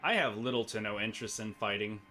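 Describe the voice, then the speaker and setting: A man's voice: on the low side, fast talker, pushed and bright, faint music behind. A man giving rambling, joking commentary to himself while playing a game. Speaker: gameplay streamer. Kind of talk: casual gameplay commentary.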